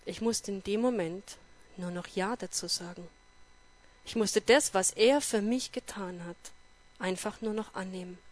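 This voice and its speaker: A woman telling her personal faith testimony in a lively way, acting out dialogue and turning earnest and emotional when she reflects. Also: mid-range voice, unhurried. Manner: lively storytelling that acts out dialogue.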